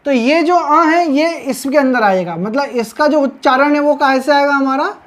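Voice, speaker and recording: A woman's voice: high-pitched, normal speed. A woman teaching grammar at a board, explaining step by step and checking in with her students after each point. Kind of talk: blackboard lesson.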